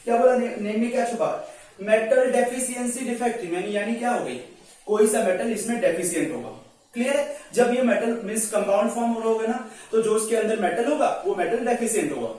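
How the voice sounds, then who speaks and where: A man's voice: very high-pitched, lively intonation, brisk, a little mellow. A man teaching chemistry in an online lecture, coaxing students and often checking they understand. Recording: echoey room, voice far from mic.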